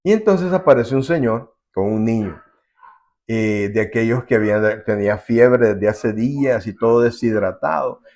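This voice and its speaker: A man's voice: medium pitch, normal speed, a little mellow. A man preaching a sermon as pastor, earnestly, acting out the voices of the people in his stories.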